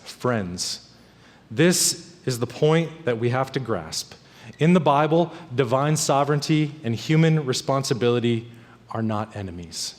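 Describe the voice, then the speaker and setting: A man's voice: medium pitch, in a large hall. A male pastor preaching a sermon in an earnest, emphatic way, repeating key phrases. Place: church sanctuary.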